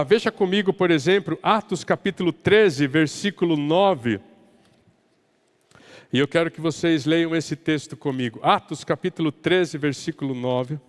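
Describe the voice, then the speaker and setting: A man with a Brazilian Portuguese accent preaching a sermon as pastor, asking rhetorical questions and building to emphatic, louder passages. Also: a little high. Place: church sanctuary. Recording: long church-hall reverb.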